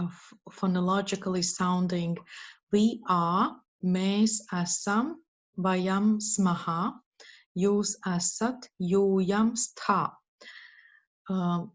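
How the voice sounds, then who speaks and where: A woman giving an academic presentation, speaking slowly and carefully with frequent uh and um fillers. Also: mid-range voice. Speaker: lecturer. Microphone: video call. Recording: dull, lo-fi online talk.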